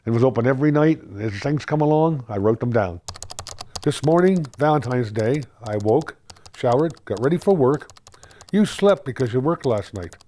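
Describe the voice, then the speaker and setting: An older man, interviewed for a news feature, who speaks softly and reads his own love notes aloud. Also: mid-range voice, lively intonation, moderate pace. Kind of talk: interview and reading.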